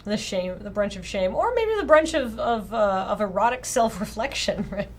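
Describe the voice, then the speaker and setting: A woman reads a visual novel aloud on a livestream at a normal speed in a mid-range voice. Her reading is expressive and casual, and she often breaks off into playful asides.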